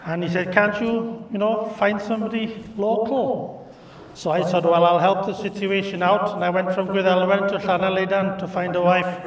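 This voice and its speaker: A man's voice: high-pitched, level tone, moderate pace, few pauses. A middle-aged North Welsh man giving a hesitant, homely wedding speech into a microphone in a large, echoing reception room. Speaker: father of the groom. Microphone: handheld mic, picked up from afar. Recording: echoey reception room, distant camera microphone. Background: wedding guests.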